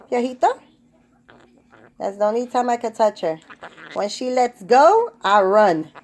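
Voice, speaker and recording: A woman's voice: a little high, darkish tone. Woman coaxing her parrot in sing-song. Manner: mixes in Spanish pet words. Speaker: pet bird owner. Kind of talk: casual vlog talking to a pet parrot.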